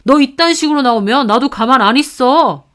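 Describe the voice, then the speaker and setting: Storybook figure: a stern, furious older brother who yells at an employee, voiced by a woman narrator. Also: high voice, moderate pace. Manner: furious, berating. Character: angry protective older brother, company manager.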